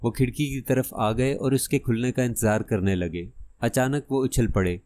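A man reading a detective novel aloud as an audiobook narrator, steady and measured. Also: medium pitch.

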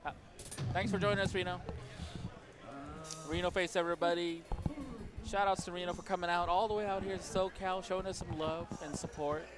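A man co-commentating a fighting game tournament, excitable and laughing often. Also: high-pitched, fairly quick, pauses often, music in the background. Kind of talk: esports commentary.

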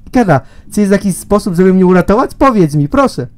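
A man's voice: high-pitched, sing-song, fast, darkish tone. A man voicing a frightened young girl who pleads in a raised, whiny voice. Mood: panicked.

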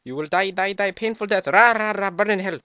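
A man's voice: high voice, fairly quick, pushed and bright, smooth, no echo, lo-fi sound, voice pushed up. A man putting on a theatrical, menacing villain voice, chanting threats.

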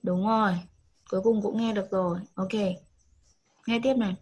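A woman's voice: mid-range voice, steady tone, normal speed, darkish tone, husky, poor audio. A woman, teaching an online English lesson over a video call, patiently coaxing and repeating prompts.

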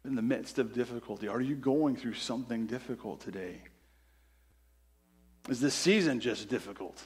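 A man's voice: medium pitch, normal speed, husky. A man preaching a sermon in a church, reading scripture and asking the congregation earnest rhetorical questions. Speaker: pastor. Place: church sanctuary.

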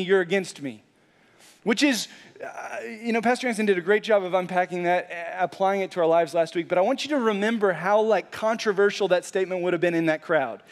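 A pastor preaching a sermon in a conversational, animated way, often saying "like" and restarting phrases. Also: male voice, high voice. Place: church sanctuary.

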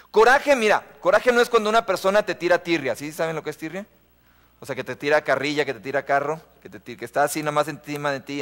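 A man's voice: sits high, a bit bright. A man preaching a live sermon to young people in a church, emphatic, repeating refrains and asking the audience questions. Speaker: youth preacher. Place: church sanctuary. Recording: long reverb of a church hall.

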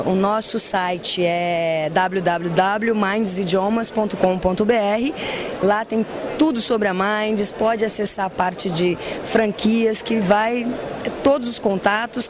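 Woman in her 30s, upbeat franchise director pitching her brand; handheld mic, busy expo hall noise behind. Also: steady tone, normal speed. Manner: upbeat, promotional. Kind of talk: trade fair interview. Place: busy indoor trade fair hall. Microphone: handheld mic held by interviewer. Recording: noisy trade fair hall.

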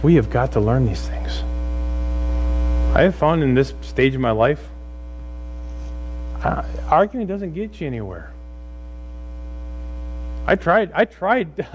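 A middle-aged pastor with a mid-range voice preaches a sermon from a stage in a church room, conversational and exhorting as he puts rhetorical questions to his congregation. The low-quality recording carries steady mains hum and noise.

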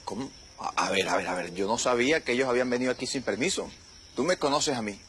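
An actor playing a sly middle-aged family patriarch who coaxes and dodges, in a telenovela scene with music underneath. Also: male voice, mid-range voice, fast, a bit bright, a little hiss or hum, natural voice. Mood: placating. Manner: smooth-talking, coaxing, evasive. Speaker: father. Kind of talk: telenovela acting.

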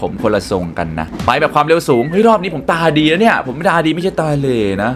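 A young man hosting a gaming channel, excitedly commenting on a puzzle game and talking to his viewers. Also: fairly high pitch, fast, a little hiss or hum. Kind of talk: let's play commentary.

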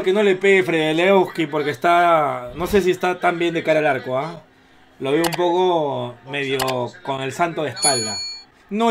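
A man in his thirties giving casual, slangy live reaction commentary on a football match, cursing and yelling at the goals. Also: fairly high pitch. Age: 30s.

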